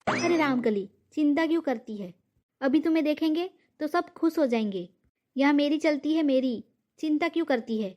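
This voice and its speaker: A woman's voice: high voice, lively intonation, moderate pace, darkish tone, highs cut off. A woman voicing a boastful, lazy young man in a cartoon comedy, talking big and coaxing. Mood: boastful reassuring.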